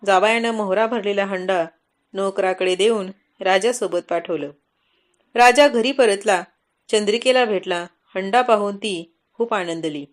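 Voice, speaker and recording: Female narrator, mid-pitched, measured dramatic storytelling.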